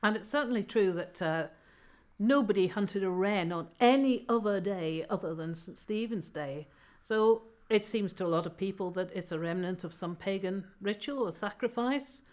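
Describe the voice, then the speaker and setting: Lively woman telling a folk tale. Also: mid-range voice, normal speed. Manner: lively, emphatic, with fillers. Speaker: storyteller explaining folk tradition. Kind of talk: storytelling talk.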